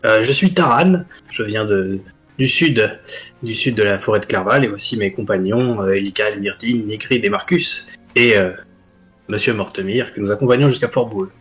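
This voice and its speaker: A man's voice: lowish voice, normal speed, fairly bright tone, soft background music, close to an everyday voice. A man voicing a rustic, peasant-born adventurer who introduces his party in a plain, friendly way.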